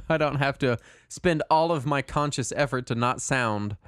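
A man's voice: mid-range voice, moderate pace, fairly bright tone, clear, resonant tone, no echo, clean studio sound. A man, chatting casually as a podcast co-host in a hesitant, rambling way. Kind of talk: casual chat.

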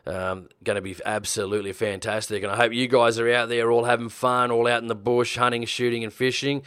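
Laid-back Australian podcast host. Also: male voice, medium pitch, level tone, fairly quick, a bit bright, clean tone, no echo. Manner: laid-back, filler-heavy, friendly. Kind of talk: casual podcast interview.

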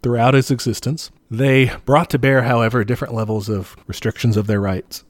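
A man explaining history in a relaxed podcast chat, peppered with "like" and "you know". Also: medium pitch, a little fast, no room sound.

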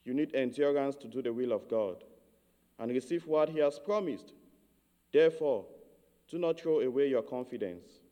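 A man from Cameroon giving a measured, earnest homily as a priest. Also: medium pitch, long reverb tail, muffled recording.

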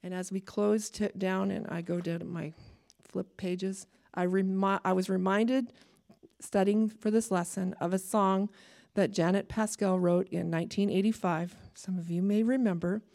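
A middle-aged woman from Canada with a Canadian accent, a chaplain giving a sermon in a conversational way with warm asides and light laughter. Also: medium pitch, steady tone, normal speed, vocal fry. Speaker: chaplain and preacher.

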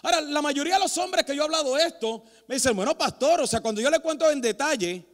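High-voiced pastor telling stories. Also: male voice, fast talker. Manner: animated, self-mocking storytelling with many restarts. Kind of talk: storytelling sermon. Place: church sanctuary. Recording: long hall reverb in a church.

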